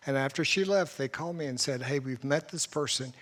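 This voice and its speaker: A man hosting an art club talk, giving a relaxed, conversational introduction of the guest speaker. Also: medium pitch, brisk. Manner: relaxed, conversational, with a few restarts. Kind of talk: casual introduction.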